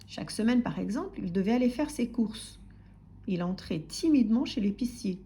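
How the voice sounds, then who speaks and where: A woman narrating a children's story aloud in an expressive, soft-spoken way, sometimes dropping to a whisper. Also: mid-range voice, normal speed.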